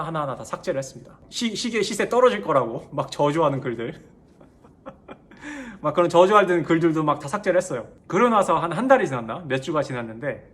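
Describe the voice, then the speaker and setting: Quick, slightly high-voiced man; animated, emphatic casual storyteller. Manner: animated, swings between polite and blunt speech, emphatic. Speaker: speaker sharing a personal story.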